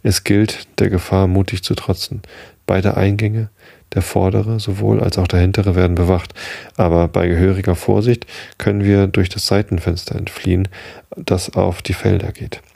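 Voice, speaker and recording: A man's voice: deep voice, level tone, moderate pace, creaky, dark tone, dry recording, studio quality. A man voicing a grim, determined young frontier hunter in a storybook reading, speaking firmly and urgently. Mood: grimly determined. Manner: firm, urgent.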